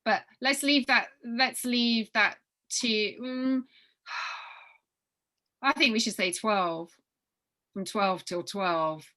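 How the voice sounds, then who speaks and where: A woman with a fairly high, sharp-toned voice leads an informal briefing for young writers, with questions and answers. She draws out words and pauses often, speaking emphatically and repeating phrases as she thinks aloud.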